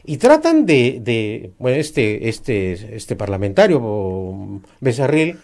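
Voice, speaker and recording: A man's voice: fairly low pitch, wildly swooping pitch, takes it slowly, a little mellow. A man, giving emphatic, critical political commentary in a discussion, with frequent "eh" fillers.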